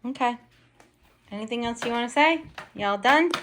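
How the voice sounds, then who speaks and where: A woman's voice: fairly high pitch, moderate pace, fairly bright tone, a little hiss or hum. A young adult woman hosting a home video, chatting casually with a child.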